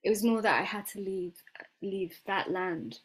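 A woman herbalist and medicine maker, who grew up in Florida and then England, shares her story as a guest in a conversational interview. Her mid-range, husky voice moves a little slowly on a rough recording, and she reflects hesitantly with many fillers and restarts.

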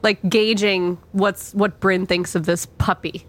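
A woman's voice: mid-range voice, fairly even intonation, measured pace. A woman playing a tabletop game, casually narrating what her character does.

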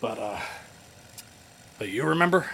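Man playing a gravelly nervous investigator. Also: mid-range voice, animated, unhurried, a bit bright. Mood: uneasy. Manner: nervous, urgent. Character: wary male investigator partner. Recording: gravelly with noisy background.

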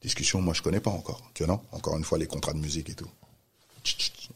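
A man telling a story in casual chat, animated, acting out the voices of the people he quotes. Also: rumbling low, fast talker, background noise. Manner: animated, acts out quoted voices, many restarts. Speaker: music manager telling a story.

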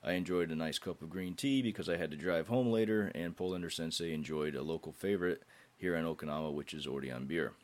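A man with a cold and sore throat, sounding hoarse and gritty as he narrates a podcast introduction as host. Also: very deep voice.

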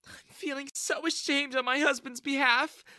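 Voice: mid-range voice, very animated, moderate pace, pushed and bright, no echo, voice pushed up. A narrator voicing an emotional, possessive married mother in a dramatised audio story, speaking insistently. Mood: tearful. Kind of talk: dramatised first-person web-novel audio story.

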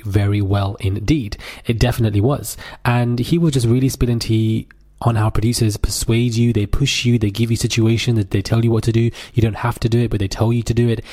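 A man's voice: fairly low pitch, darkish tone. A man hosting a podcast, giving casual gossip commentary with dramatic, sassy asides. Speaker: podcast host.

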